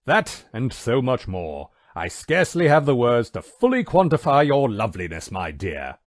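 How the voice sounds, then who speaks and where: An actor playing a prim, long-suffering butler with formal, dry politeness in a game. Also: male voice, mid-range voice, big pitch swings, moderate pace, no room sound, natural voice. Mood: reluctant flattery.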